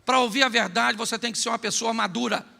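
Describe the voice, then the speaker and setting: A Brazilian Portuguese-accented pastor with a very high, gravelly, sharp voice, teasing and joking with his congregation. His sermon echoes through a big church hall with a long reverb. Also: steady tone, quick pace. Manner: humorous, teasing, talks straight to the congregation.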